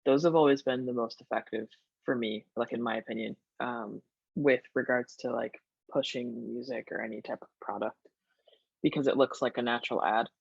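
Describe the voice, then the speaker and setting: A man interviewing in a casual webinar discussion over a video call, relaxed and peppered with filler words. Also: medium pitch, normal speed, gravelly, slightly rough, no echo, lo-fi sound.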